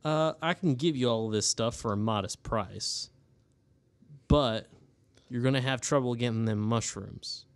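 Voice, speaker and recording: A man's voice: mid-range voice, measured pace, close to an everyday voice. A man voicing a bald old human farmer in his seventies, with a folksy country drawl and wry, sarcastic asides, during a tabletop game. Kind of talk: tabletop role-play voicing.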